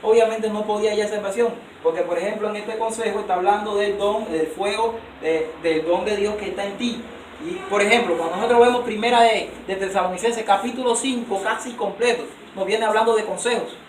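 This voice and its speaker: A man's voice: sits high, fairly quick. A man preaching a sermon, emphatic, often putting questions to his congregation and answering them himself. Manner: emphatic, asks the audience rhetorical questions. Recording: roomy, distant recording with faint noise.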